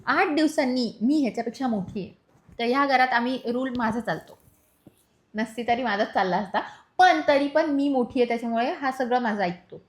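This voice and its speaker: A young woman from Maharashtra chats with her husband on their couple vlog. She talks in a lively, teasing way and laughs often. Her voice sits fairly high. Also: moderate pace. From Maharashtra, India. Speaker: vlogger telling her love story. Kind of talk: casual chat.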